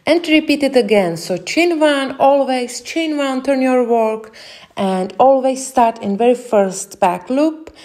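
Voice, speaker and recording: A young Czech woman with a Czech accent, giving slow step-by-step crochet instructions with frequent hesitations. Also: sits high, a little mellow. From Czech Republic. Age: young adult. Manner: slow, careful, with many hesitations. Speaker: crochet tutorial host.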